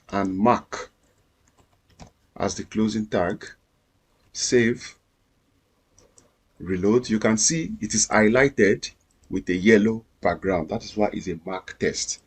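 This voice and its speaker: Slow, husky-voiced man teaching code. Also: on the low side. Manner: patient, repetitive step-by-step explaining. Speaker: coding instructor. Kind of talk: screen-recorded coding tutorial.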